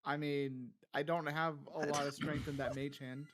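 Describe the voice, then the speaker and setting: A man playing a tabletop game, describing his moves in casual, halting speech with repeated words. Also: on the high side, level tone, a bit bright, a little hiss or hum.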